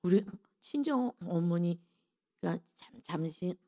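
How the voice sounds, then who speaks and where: A woman's voice: lowish voice, animated, slow, dark tone, lo-fi sound. A middle-aged woman telling an earnest, rambling family story as a testimony in a church service. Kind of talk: testimony in an early-morning sermon. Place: church sanctuary.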